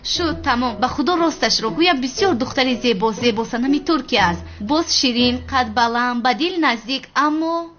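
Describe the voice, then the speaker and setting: A blunt, teasing sister. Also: female voice, high-pitched, animated. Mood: frank. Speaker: younger sister in a dubbed TV drama. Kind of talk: dubbed TV drama dialogue. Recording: dull dubbed TV audio with loud music.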